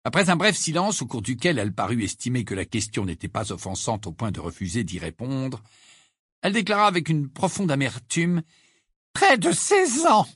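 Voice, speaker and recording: A man's voice: medium pitch, very animated, a little fast, fairly bright tone, slightly rough, no echo, studio quality. A man reading a novel aloud expressively, with an occasional filler. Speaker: reader.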